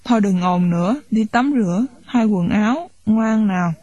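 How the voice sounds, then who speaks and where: A stern old father snaps short, scolding orders at a child, as a woman reading the story voices him. Her voice is husky and a little breathy. The sound is dry and close. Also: medium pitch, moderate pace, warm tone, no echo, close to an everyday voice. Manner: curt, scolding commands.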